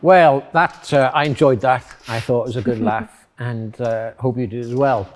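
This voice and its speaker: A man's voice: medium pitch, steady tone, moderate pace. Jokey male church host. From England. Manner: jokey, chatty. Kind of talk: casual chat.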